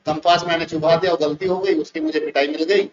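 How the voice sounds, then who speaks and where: A high-pitched Indian male teacher spins a school anecdote for his students, warmly animated. The sound is dull and lo-fi, with a faint hiss underneath. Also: brisk. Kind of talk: classroom storytelling. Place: classroom.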